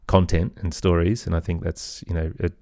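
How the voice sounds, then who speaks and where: A middle-aged audio storyteller and producer speaks casually as a podcast guest, hesitant, self-effacing, and rambling. His voice is low, gravelly, and dark with a level tone at normal speed, recorded as clean studio sound with no room sound.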